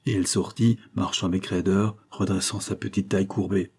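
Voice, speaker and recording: A man reads a classic novel aloud in a calm, measured audiobook style. His voice is low and dark. A husky grain runs through it. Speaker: audiobook reader. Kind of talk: literary audiobook narration.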